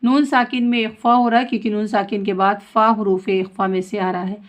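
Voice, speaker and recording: A woman teaching a Quran recitation lesson, reciting words slowly and drawn out, then explaining rules briskly and answering her own questions. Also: medium pitch, little pitch movement.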